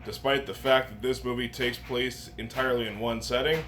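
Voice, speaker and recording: A man's voice: medium pitch, fairly even intonation, moderate pace, music in the background. A man giving a casual, enthusiastic movie review with some swearing. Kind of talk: casual film review to camera. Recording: noticeable background noise.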